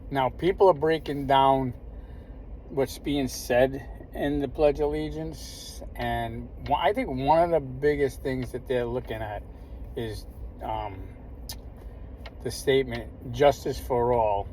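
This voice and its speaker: An older American man with a mid-range voice delivers a casual, rambling opinion monologue. He leans hard on his points and often restarts his sentences. Traffic noise is clearly heard in the background. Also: mid-range voice, steady tone, slow pace, dark tone, rough recording. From United States. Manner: rambling, emphatic, with many fillers and restarts. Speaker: commentator.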